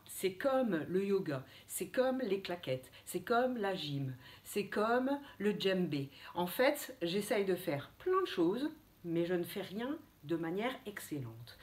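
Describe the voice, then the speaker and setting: A woman teaching a video lesson to young children as a preschool teacher, in a lively, sing-song teacherly way. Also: medium pitch.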